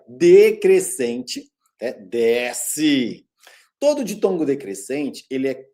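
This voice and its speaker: A man with a Brazilian Portuguese accent teaching a grammar lesson on video, talking straight to viewers and stretching out the example words. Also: a little high. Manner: lively, calls out to viewers, drawn-out example words.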